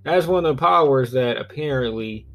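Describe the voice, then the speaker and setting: A man with an Alabama Southern accent hosts a casual solo podcast. He rambles conversationally and swears freely at a middling pitch. Music plays behind his voice. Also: brisk, a bit bright. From southern Alabama, United States. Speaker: podcast host.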